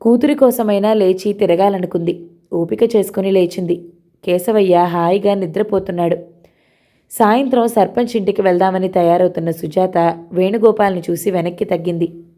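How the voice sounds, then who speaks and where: Woman reading a novel, mellow voice. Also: medium pitch, steady tone, moderate pace. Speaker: audio novel narrator.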